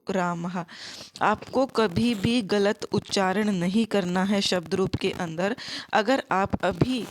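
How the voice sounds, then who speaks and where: A woman teaching a grammar lesson for exam preparation, repeating words and drilling her students in call-and-response, with English words mixed into her talk. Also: medium pitch. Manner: mixes English words into Hindi. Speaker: Sanskrit teacher.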